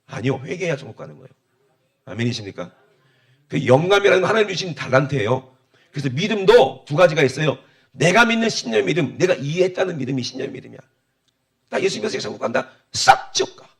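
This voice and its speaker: A male pastor preaching a sermon, firing rhetorical questions at the congregation and calling for amens, swinging from loud exclamations to low muttered asides. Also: creaky. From South Korea.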